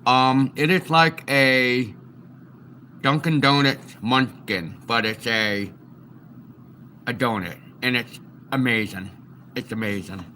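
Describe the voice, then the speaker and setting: Bright-voiced man who says w for r. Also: mid-range voice, slow, long pauses, a little hiss or hum. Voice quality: trouble pronouncing R's, says w for r. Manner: repeats himself, exclaims. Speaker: livestream host. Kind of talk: casual livestream chat with viewers.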